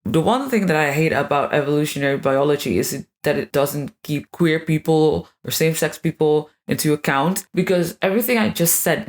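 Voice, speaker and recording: Woman vlogging a monologue, kinda low voice, snarky and crude. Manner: irreverent, sarcastic, crude asides. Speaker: video creator. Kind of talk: scripted monologue.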